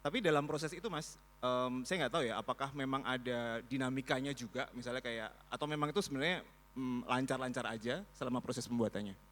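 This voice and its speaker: A man's voice: mid-range voice, brisk, a bit bright. A man with an Indonesian accent moderating a stage interview, asking short, prompting questions.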